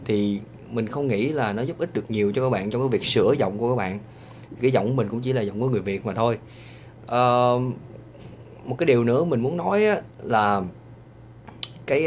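Southern Vietnamese man, mid-range voice, casual advice monologue, chatty with drawn-out hesitations, faint background noise. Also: mid-range voice, a little mellow. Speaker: vlogger giving advice.

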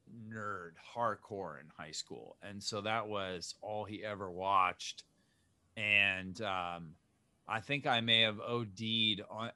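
A man's voice: on the low side, sharp tone, smooth, dry recording. A man born in Zimbabwe, a filmmaker chatting casually in an interview, rambling with many restarts and fillers. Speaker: filmmaker guest.

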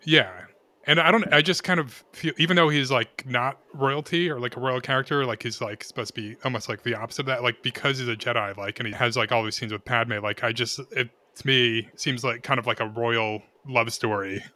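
A man talking casually about film as a podcast panelist, halting often and peppering sentences with filler words. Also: mid-range voice, steady tone, pushed and bright.

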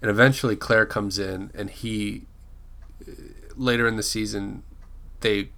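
A man co-hosting a casual podcast speaks in a lowish, steady, unhurried voice with vocal fry and a sharp tone. Rambling through a TV episode recap, he frequently backtracks and corrects names.

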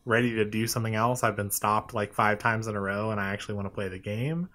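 A man's voice: fairly low pitch, steady tone, quick pace, pushed and bright. A young man in casual chat, thoughtful and hedging, often agreeing with his co-host.

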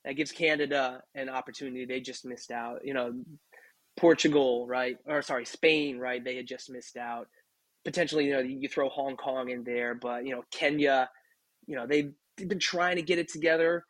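A man with a mid-range, slightly bright voice hosts a casual sports podcast about rugby, speaking at a moderate pace with fairly even intonation. He's chatty and keeps tossing out rhetorical questions ending in "right?". There's no echo, but the audio quality is poor.

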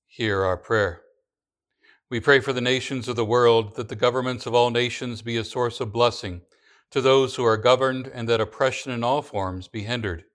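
A man leading a congregation in the creed and prayers, reading in a slow, measured recitation with small restarts. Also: mid-range voice, a bit bright. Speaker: pastor.

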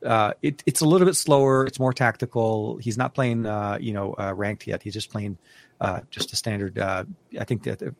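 A man's voice: lowish voice, fairly even intonation, normal speed, gravelly. A man co-hosting a casual tech podcast, rambling with many restarts, fillers and frequent laughs. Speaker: podcast co-host.

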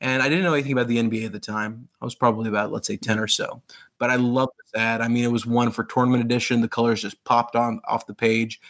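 A man's voice: mid-range voice, fairly even intonation, quick pace, a bit bright. A man in his thirties who grew up in Pakistan, an author telling his story eagerly in a casual interview, rambling with fillers and restarts. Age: 30s.

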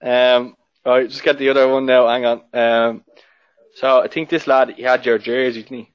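A man's voice: medium pitch, flat delivery, moderate pace, clear, resonant tone. A man interviewing casually, in slightly dull lo-fi audio.

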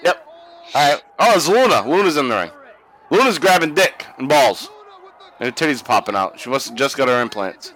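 A man's voice: mid-range voice, big pitch swings, a little fast, fairly bright tone, low-quality recording. A young man co-hosting a podcast, watching old wrestling and chatting casually, profane and laughing a lot. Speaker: podcast co-host. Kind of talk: casual watch-along commentary.

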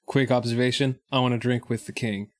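A man's voice: medium pitch, fairly even intonation, fairly quick. A man co-hosting a podcast in casual chat, laid-back and hesitant, often laughing. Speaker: podcast co-host.

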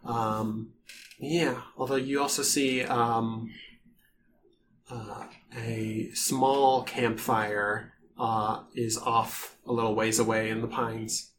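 A man narrating a tabletop game as game master, improvising scenes in short, halting phrases. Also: mid-range voice, flat delivery, noisy background.

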